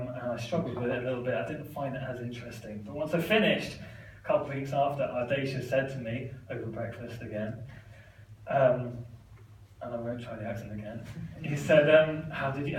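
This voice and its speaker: A man's voice: medium pitch, a little mellow. A man performing stand-up comedy with magic tricks, chatty and self-deprecating, often laughing at his own stories. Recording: echoey room, mic from far off, noisy.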